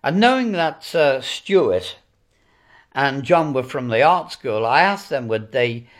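A man's voice: medium pitch, lively intonation, slow. A man with a Welsh accent, a former club owner and band manager, recalling old times in an interview with a dry, wry storytelling manner.

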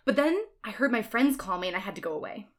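A woman's voice: fairly high pitch, animated, quick pace. A woman reading a fan fiction aloud, narrating in a mock-earnest, dramatic way. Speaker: reader.

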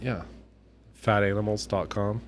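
A man's voice: fairly low pitch, fairly even intonation, unhurried, slight background noise. A young man co-hosting a podcast, chatting casually and rambling, often slipping into voices to quote people. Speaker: podcast co-host. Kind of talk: casual chat.

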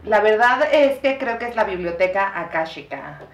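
A woman's voice: medium pitch, expressive, moderate pace, lo-fi sound. A Mexican woman co-hosting a podcast, chatting casually in slangy talk and swearing freely. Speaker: podcast co-host. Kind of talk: casual chat. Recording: echoey room, mic far off, faint noise.

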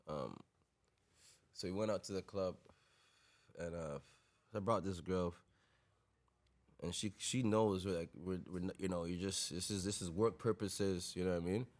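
A man's voice: sits low, moderate pace, long pauses, darkish tone. A young adult man, telling stories casually in street slang and repeating tag phrases. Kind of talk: casual anecdotal chat.

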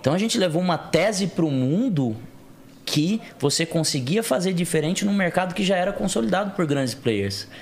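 A man explaining business matters in a measured way on a casual podcast. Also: high voice, expressive, a little hiss or hum. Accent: Brazilian Portuguese. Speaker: guest, co-founder.

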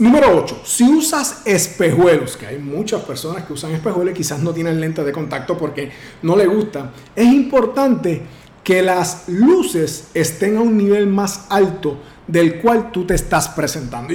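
A man coaching on public speaking, projecting his voice firmly with big deliberate swings in pitch. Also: darkish tone. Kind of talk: instructional talk to camera. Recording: roomy echo.

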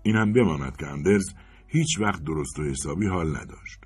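Audiobook narrator: man, low and husky, animated storytelling delivery. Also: faint music behind. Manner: expressive storytelling.

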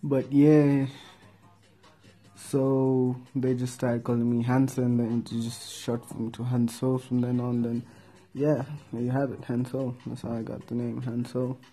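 A man's voice: mid-range voice, flat delivery, unhurried, mellow, breathy edge, faint music behind. A young man hosting a casual podcast, talking in a laid-back, slangy, rambling way with lots of fillers. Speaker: podcast host.

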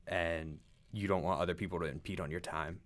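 A man with a low voice speaks as a podcast guest in a measured, thoughtful way. He quotes scripture and builds his points in short phrases. The feel is a relaxed conversation about faith. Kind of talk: casual faith discussion.

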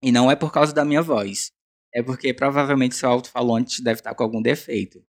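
Male Brazilian podcaster, mid-pitched with a raspy smoker's voice; chatty, digressive, confessional solo delivery. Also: fairly quick. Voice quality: hoarse, husky smoker's rasp. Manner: self-deprecating, chatty, digressive. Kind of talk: casual rambling confessional monologue.

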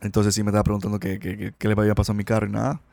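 A man's voice: fairly low pitch, monotone, very fast, creaky, darkish tone, dry recording. A man with a Colombian accent hosting a podcast, telling casual stories in a rambling, slangy way full of restarts. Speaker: podcast host. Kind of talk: casual storytelling monologue.

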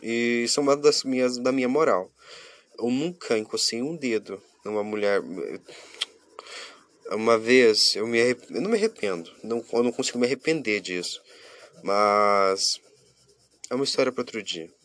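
A young man talking casually and openly to his viewers. He shifts between loud, lively bursts and quiet, subdued stretches. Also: mid-range voice, normal speed, no echo. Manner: chatty, talks straight to viewers, often breaks off and restarts. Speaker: vlogger. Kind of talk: casual confessional monologue.

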